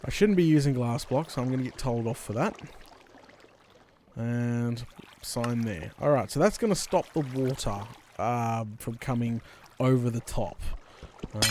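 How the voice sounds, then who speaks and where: An Australian man hosting a gaming video in casual commentary, rambling and thinking out loud in colloquial speech. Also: mid-range voice. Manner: rambling, thinking aloud, with mild colloquial swearing. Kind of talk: casual Let's Play commentary. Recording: clear background noise, game clicks and water.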